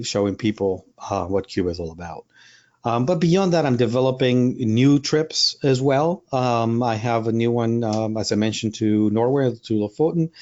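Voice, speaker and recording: A man from Puerto Rico, a Spanish speaker working as a wildlife photographer and workshop leader, chats casually in an interview, rambling with plenty of fillers and restarts. His medium-pitched voice has a warm tone. The recording sounds muffled.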